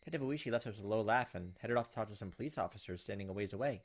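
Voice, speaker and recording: A man hosting a game playthrough alternates between casual commentary and reading the story text aloud. His voice is fairly low, and he talks very fast.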